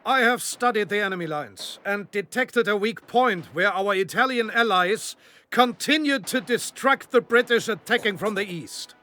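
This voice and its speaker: Giving formal mission briefings in a scripted war game, an actor portrays a commanding German general, a confident and calculating desert strategist speaking in clipped, authoritative commands. His male voice is high-pitched, bright and forceful at normal speed, with a calm, calculating mood and a little hiss or hum in the recording.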